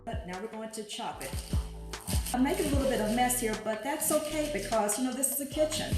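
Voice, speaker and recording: A woman's voice: on the high side, fairly quick. Chatty woman cooking in an echoey kitchen. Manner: chatty, upbeat, thinks aloud while working. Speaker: cooking show host. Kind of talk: home cooking demonstration. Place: home kitchen. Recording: very echoey room with music behind.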